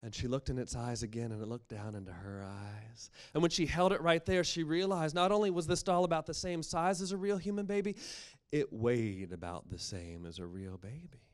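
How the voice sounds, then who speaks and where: An American man performs as an oral storyteller. He paces a spooky tale deliberately and leans on words for dramatic effect. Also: medium pitch. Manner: dramatic, deliberate pacing with expressive emphasis.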